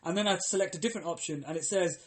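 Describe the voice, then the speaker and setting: A man's voice: high-pitched, rapid-fire. A young man co-hosting a podcast, chatting casually and acting out phone calls in exaggerated voices, swearing freely. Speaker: podcast co-host. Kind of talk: casual chat.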